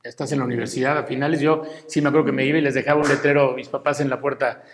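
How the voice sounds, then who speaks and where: Talking very fast in a level, mid-range voice over slight background noise, the middle-aged man with a Mexican Spanish accent offers frank, fatherly guidance in casual conversation, leaning heavily on filler tags.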